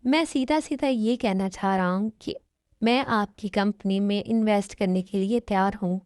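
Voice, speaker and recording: A woman's voice: medium pitch, moderate pace, a little mellow, dry recording, studio quality, close to an everyday voice. A woman voicing a cold, demanding young businessman in an amateur dub, speaking bluntly and commandingly.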